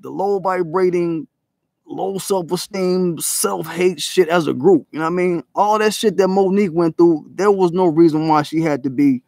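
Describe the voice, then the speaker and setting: A man's voice: a little high, creaky, darkish tone, dry recording, studio quality. A man hosting his own channel, giving a profane, emphatic commentary monologue full of rhetorical questions. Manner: mocks others in quoted voices. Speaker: channel host.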